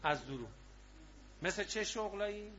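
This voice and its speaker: Male preacher, fairly high and bright voice, lively call-and-response delivery, dull lo-fi sound. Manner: lively, prompts audience to answer. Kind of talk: religious talk to a live audience.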